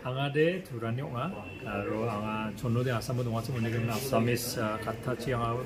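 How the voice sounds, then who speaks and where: Middle aged author guy answering questions, soft and hesitant, crowd chatter behind. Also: mid-range voice, steady tone, fairly quick. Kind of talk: interview answers. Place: event hall, indoors.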